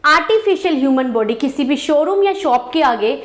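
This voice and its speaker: A woman teaching a spoken vocabulary lesson, explaining slowly, spelling words out letter by letter and repeating them. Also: sits high, animated, echoey room. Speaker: English teacher.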